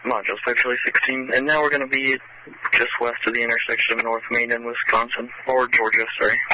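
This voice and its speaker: A man's voice: medium pitch, little pitch movement, quick pace, no room sound. A man speaking as a patrol officer over a police radio, in clipped radio codes. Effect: police radio transmission. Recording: muffled radio audio.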